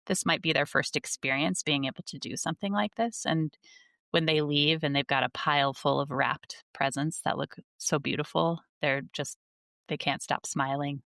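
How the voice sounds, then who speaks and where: A woman's voice: deep voice, steady tone, normal speed, vocal fry, bright, forceful tone, no room sound, clean studio sound. A woman school librarian talking earnestly in a casual conversation, with many fillers and restarts. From United States.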